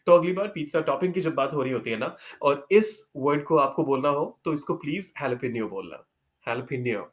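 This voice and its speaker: Patient man teaching pronunciation. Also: on the high side. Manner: patient, repeats words slowly to drill them. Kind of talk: explaining in Hindi mixed with English.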